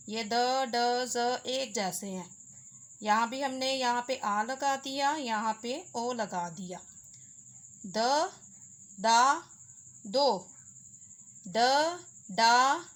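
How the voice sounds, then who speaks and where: A woman's voice: a little high, a bit bright. A woman teaching Urdu letters step by step, patiently sounding out each letter with its vowels. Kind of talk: slow step-by-step lesson.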